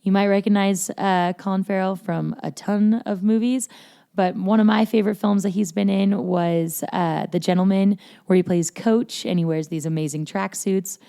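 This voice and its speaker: Chatty woman with a smooth voice. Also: mid-range voice, warm tone. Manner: chatty, filler-heavy, self-deprecating. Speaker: podcast host. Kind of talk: casual movie review podcast.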